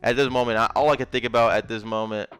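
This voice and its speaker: This Memphis, Tennessee native is a young adult gaming content creator who talks fast in a mid-range, steady voice that's smooth and slightly bright. With his Southern accent, he draws while casually telling his life story, wandering off on tangents and adding small sound effects.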